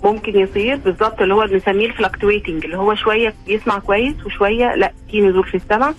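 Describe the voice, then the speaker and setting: A female doctor with an Egyptian Arabic accent explains things as a radio guest, checking with "okay?" that her listener is following. Her medium-pitched voice is steady and rapid-fire, with the highs cut off and soft music in the background.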